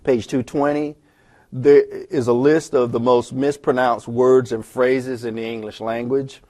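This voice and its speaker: Guy recording a lecture, talks fast and loose, mid pitch, lots of restarts. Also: level tone, warm tone. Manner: fast-talking, conversational, with restarts. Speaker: instructor. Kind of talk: recorded lecture walking through a textbook chapter. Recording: self-recorded lecture audio.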